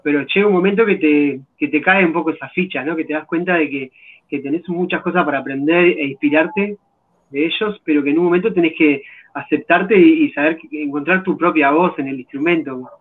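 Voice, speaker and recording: A man answers as the guest drummer, his voice a little high for a man. He speaks thoughtfully and agreeably and sometimes pauses to collect his thoughts. A narrow, phone-like call line carries his voice. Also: slightly rough. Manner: thoughtful, agreeable, hesitant restarts. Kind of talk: interview answers over a video call. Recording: tinny phone-like video call audio.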